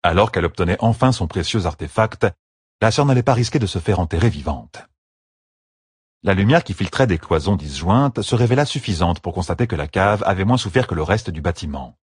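Deep, husky male storyteller. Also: brisk, no echo, clean studio sound. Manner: expressive storytelling reading. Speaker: audiobook narrator. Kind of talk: scripted narration.

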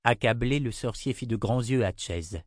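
Measured male audiobook narrator. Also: mid-range voice, no echo, clean studio sound. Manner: even, measured storytelling. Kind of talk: scripted narration.

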